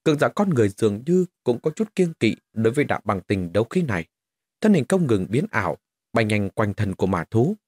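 A man's voice: mid-range voice, very animated, a little fast, darkish tone, dry recording. A man narrating a fantasy novel as an audiobook, telling the story expressively.

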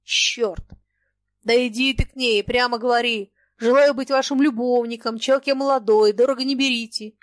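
A woman's voice: on the high side, steady tone, normal speed, dry recording, voice pushed up, lightly acted. A woman reading aloud and voicing a cranky old merchant who mocks and shrieks in a dry close sound. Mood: scolding. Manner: wheedling, mocking, shrieking. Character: cranky shrill old merchant man, scolding.

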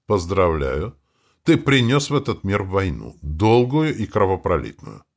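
A bearded old man of an eerie forest, put on by an audiobook narrator, lecturing with blunt contempt. The voice sits low yet swings widely in pitch, often rising and swelling louder as he scolds. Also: very animated, a little slow, heavily acted.

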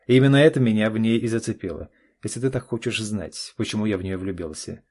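A man's voice: fairly low pitch, fast talker, a little mellow, husky. Man voicing a curt, firm middle-aged father. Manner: curt and clipped. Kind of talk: audiobook character voice.

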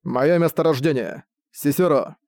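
A man as a weary, calm knight leader. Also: a little high, dry recording, clean studio sound, lightly acted. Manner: calm, measured, sighing. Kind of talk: audiobook reading.

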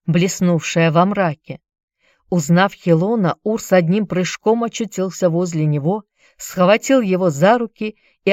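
A woman narrating a novel as an audiobook in a measured, expressive way. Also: fairly low pitch, dry recording, studio quality.

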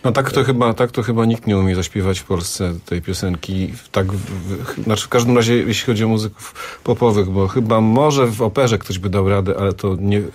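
A man hosting a radio music talk show, chatting in a relaxed, hedging way. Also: on the low side, brisk, few pauses. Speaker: radio host.

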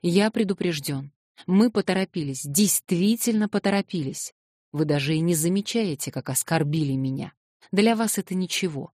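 A cold, haughty older prince lectures with smooth condescension, as a woman narrator puts him on. His voice is pitched low for her and recorded close and dry, in the manner of a storybook reading. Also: animated, normal speed, darkish tone, no echo. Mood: measured, cold. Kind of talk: audiobook reading.

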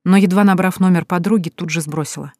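A woman calmly narrating an audiobook. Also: lowish voice, fast, no room sound, clean studio sound. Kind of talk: scripted narration.

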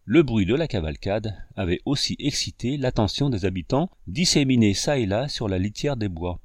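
A man reading an adventure novel aloud in measured, scripted narration. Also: fairly low pitch, expressive, dry recording, clean studio sound. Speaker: audiobook reader.

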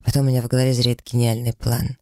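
A man narrating an audiobook in a calm, steady reading voice. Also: medium pitch, fast talker, dry recording, studio quality. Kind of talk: scripted narration.

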